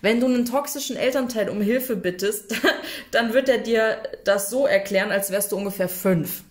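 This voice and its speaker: A woman's voice: medium pitch, normal speed. Chatty, emphatic woman coach. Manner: chatty and emphatic, often adds a questioning "ne?"; addresses viewers directly and informally. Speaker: coach for people affected by narcissistic abuse. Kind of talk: casual direct-to-camera advice talk.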